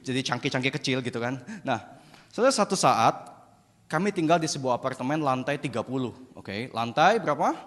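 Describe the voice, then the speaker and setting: A man preaching a sermon to a youth congregation as an animated, joking storyteller. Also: medium pitch, fairly quick. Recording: echoey church hall.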